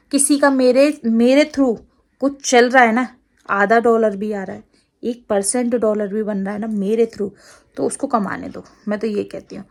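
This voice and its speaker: A woman with an Agra-region Hindi accent, chatting casually to camera in a rambling, laughing way. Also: on the high side. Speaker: vlogger.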